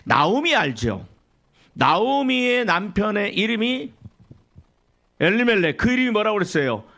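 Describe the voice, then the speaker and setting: A man's voice: high voice, sing-song, a little slow, a bit bright. A middle-aged male pastor preaching a sermon in a church, asking the congregation questions and answering them himself, and quoting scripture. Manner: quotes scripture and acts out complaining believers. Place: church sanctuary.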